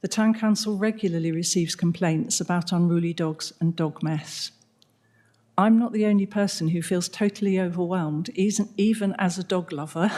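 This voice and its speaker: A woman's voice: fairly low pitch, darkish tone. An older woman with a British accent, a ward councillor reading out a prepared question at a formal meeting. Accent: British English.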